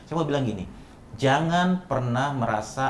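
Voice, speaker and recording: A man's voice: medium pitch, lively intonation, moderate pace, roomy sound, slight background noise. A man guest in a casual interview, speaking earnestly and in a preachy way.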